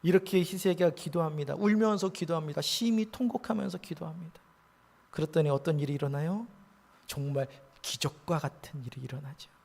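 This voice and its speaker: A male pastor preaches in a high, bright voice. He delivers an earnest sermon that swings from hushed near-whispers to emphatic rises. His voice rings with the long reverb of a church hall. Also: a little fast, vocal fry. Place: church sanctuary.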